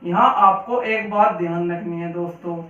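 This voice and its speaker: A man's voice: high-pitched, steady tone, normal speed, a bit bright. A man teaching math to viewers, explaining patiently and repeating each step. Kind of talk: Hindi classroom-style lesson. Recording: echoey, distant, dull room sound.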